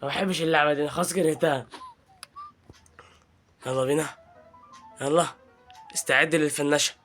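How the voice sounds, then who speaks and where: A man's voice: on the high side, steady tone, brisk, a bit bright, faint music behind. A young man with an Egyptian Arabic accent commentating his gameplay, playful and teasing as he trash-talks the game. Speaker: gaming channel host.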